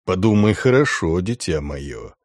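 A man voicing a mild, sorrowful monk inquisitor who speaks softly and gently. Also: low voice, big pitch swings, a little slow, no echo, clean studio sound, pitched below the performer's own voice, heavily acted. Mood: soothing. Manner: soft, gentle, sighing.

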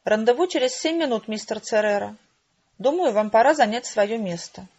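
A woman voicing a suspicious man who keeps questioning a stranger, husky on a dull lo-fi recording. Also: fairly high pitch, lively intonation, normal speed, a little mellow. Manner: suspicious, insistent. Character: suspicious squinting male doctor.

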